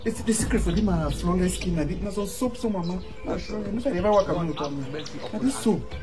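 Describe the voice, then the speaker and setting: Soft-spoken Nigerian man selling soap. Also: sits high, fast, music in the background. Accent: Nigerian Pidgin English. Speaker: comedian. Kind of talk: comedy skit.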